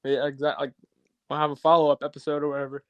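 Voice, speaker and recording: A man's voice: a little high, little pitch movement, fast talker, clean tone, dry recording, highs cut off. A teenage guy as a podcast guest on a video call, talking in an easygoing, hesitant way full of "like". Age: teens. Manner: easygoing, hesitant, heavy use of "like". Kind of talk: casual chat.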